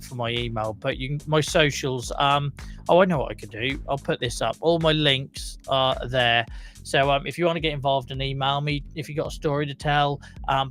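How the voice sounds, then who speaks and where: A young man with a croaky, fairly high, somewhat bright voice hosts a live talk show about chronic pain. He chats casually with viewers, using plenty of fillers and laughing often.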